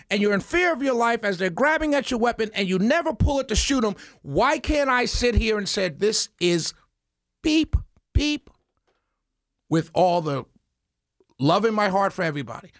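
A man holds forth on talk radio in a fiery, indignant rant. His voice sits high, and the dry, close studio sound keeps every jab up front. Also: dry recording. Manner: fiery, indignant, swings between loud outbursts and low mutters. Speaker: radio talk show host.

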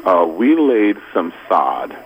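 A man with a Brooklyn accent, speaking earnestly and deliberately as a caller in a casual radio conversation. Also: sits low, sing-song, phone-quality sound. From Brooklyn, New York.

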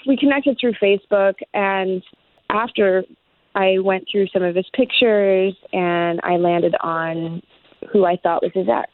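A woman's voice: mid-range voice, a little slow, dry recording. Woman on a tinny phone line. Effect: over the phone. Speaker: person called on air.

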